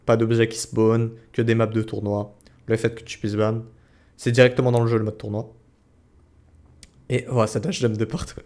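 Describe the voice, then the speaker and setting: A man's voice: mid-range voice, a little mellow. Casual, slangy man esports caster. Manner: casual slangy, exclaiming, muttering repeated words under tension. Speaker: esports caster commentating a tournament stream. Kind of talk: live esports casting, play-by-play game commentary.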